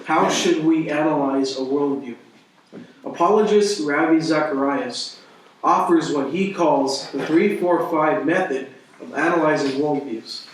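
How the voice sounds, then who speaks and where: A man with a fairly high voice reads a text aloud as a study group participant. He is far from the mic, in a room with heavy echo. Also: unhurried, slight background noise. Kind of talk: reading aloud. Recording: very echoey room, distant mic.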